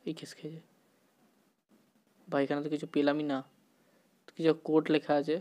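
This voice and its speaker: A man giving excited, panicky commentary while playing a horror game, at times dropping to a hushed voice out of fear and mixing in English exclamations. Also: on the high side, moderate pace, faint music behind. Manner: sometimes talks softly out of fear. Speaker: gaming YouTuber.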